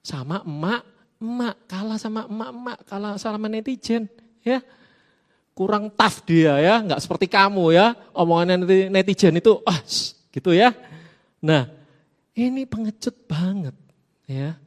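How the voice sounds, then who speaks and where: A high-pitched man gives a casual youth sermon. He keeps it lively, tossing questions and playful asides to his listeners. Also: a little slow. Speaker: youth preacher. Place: church hall.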